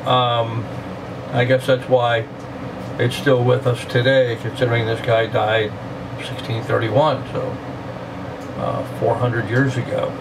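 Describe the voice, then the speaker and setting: Man, sixties, grandfatherly, unhurried, mid-pitched, casual reading vlog, steady room noise. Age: 60s. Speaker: host of a reading channel. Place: small room indoors. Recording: distant mic, clear air-conditioning hum.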